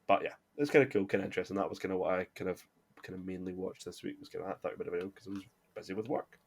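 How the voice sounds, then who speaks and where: A man's voice: low voice, fairly even intonation, rapid-fire, breathy edge. A man hosting a podcast in casual chat, rambling with lots of filler words and restarts. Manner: rambling, heavy filler words, self-correcting. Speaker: podcast host.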